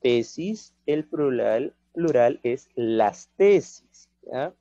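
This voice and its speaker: A man teaching a recorded grammar lesson to young pupils, speaking slowly and deliberately at a mid-range pitch. He explains step by step, with frequent tag questions to keep the children with him. The recording is dry and a little dull, as if captured close up in a small room. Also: animated, dark tone, no room sound. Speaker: primary school teacher.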